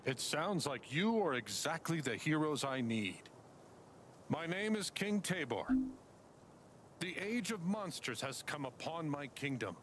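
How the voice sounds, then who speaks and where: Booming, theatrical fantasy king. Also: big pitch swings, unhurried, fairly bright tone, slight background noise. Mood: solemn, commanding. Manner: booming, regal, theatrical warrior-king delivery. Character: older small-town man playing a booming, grave fantasy king. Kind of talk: theatrical role-play acting in a video game.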